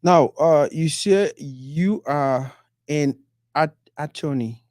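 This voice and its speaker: A man from Cameroon hosting an interview, asking lively questions and murmuring frequent agreement. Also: on the high side, takes it slowly, no room sound, clean studio sound. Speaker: interview host. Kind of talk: interview conversation.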